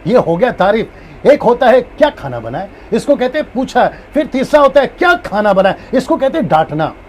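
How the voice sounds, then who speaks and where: In a live-streamed Bible teaching, a pastor with a very high, darkish voice repeats his main points and performs a phrase in different tones. Slight background noise can be heard.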